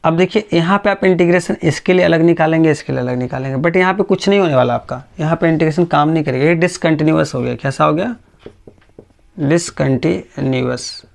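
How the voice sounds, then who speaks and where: A male physics teacher giving a patient, slow classroom lecture, often stopping to check that students follow. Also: fairly high pitch, gravelly. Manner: speaks slowly on purpose.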